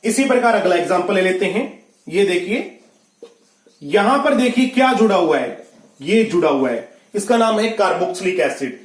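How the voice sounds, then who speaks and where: A man's voice: sits high, lively intonation, normal speed. A man teaching a science class online, explaining step by step and often asking whether students have understood. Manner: explains step by step, asks checking questions. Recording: echoey room.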